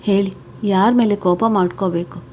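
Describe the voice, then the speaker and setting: A woman's voice: mid-range voice, fairly even intonation, normal speed, dark tone, slight background noise, natural voice. A woman voicing a heartbroken young wife who speaks in tearful, pleading questions. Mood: grieving.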